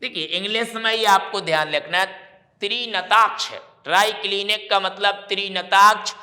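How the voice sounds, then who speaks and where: A man's voice: sits high, sharp tone. A man teaching a chemistry revision lecture, repeating key terms and explaining them patiently to his students.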